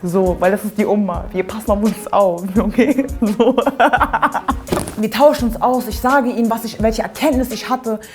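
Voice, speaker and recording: A woman's voice: medium pitch, steady tone, normal speed, a little mellow, faint music behind. A young woman hosting a comedy video, telling stories to the camera in a playful, exaggerated way. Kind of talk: comic storytelling to camera.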